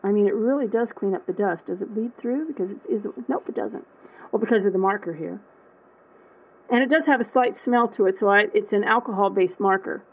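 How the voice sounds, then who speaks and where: A woman's voice: mid-range voice, a little fast, husky, rough recording. A woman casually chatting through an art supply unboxing, thinking aloud with lots of fillers and restarts.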